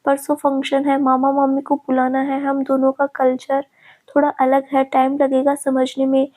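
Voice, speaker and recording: Woman voicing a tender young fiancé, gently joking, high flat voice, storybook reading. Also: moderate pace, close to an everyday voice. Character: doting young man, loving fiancé.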